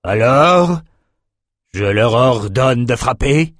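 A man's voice: mid-range voice, expressive, takes it slowly, a bit bright, dry recording, studio quality. A man voicing a cold, commanding male raider captain who gives clipped, menacing orders, in a storybook reading.

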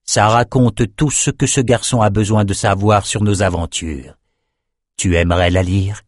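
A gruff old wizard with a weary, grumbling voice, as a man puts him on. He speaks slowly and low, his words coming out heavily. The sound is close and dry. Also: fairly even intonation, no echo. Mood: wry. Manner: slow, low, grumbling delivery.

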